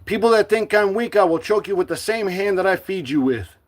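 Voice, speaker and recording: A middle-aged man from the United States speaking to his livestream viewers in a forceful, defiant, preachy monologue. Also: high voice, animated, fairly quick. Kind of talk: impassioned live-stream monologue.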